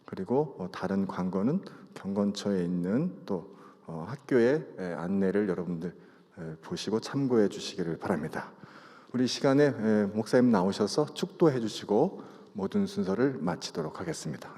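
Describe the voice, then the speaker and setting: A man leading a chapel service and giving announcements over a PA system, halting with many filler sounds. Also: on the low side, expressive, mellow. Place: chapel hall. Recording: long reverb of a chapel hall.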